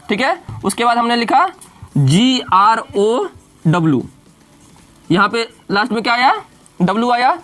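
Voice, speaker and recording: A male teacher giving a classroom grammar lesson, who keeps asking questions and answering them himself, spelling words out slowly letter by letter. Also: sits high, fairly bright tone.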